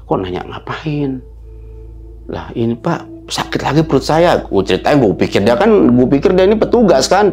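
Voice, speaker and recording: Halting man telling a story. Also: mid-range voice. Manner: halting, repetitive, drops to hushed whispers. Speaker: guest storyteller. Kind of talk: casual storytelling.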